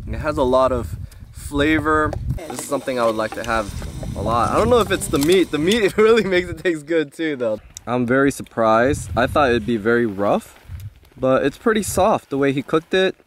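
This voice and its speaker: A man's voice: medium pitch, noisy background. A man in his thirties narrating a casual travel vlog outdoors, upbeat and chatty, often laughing. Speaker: travel vlogger. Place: outdoors at a lakeside campsite and roadside.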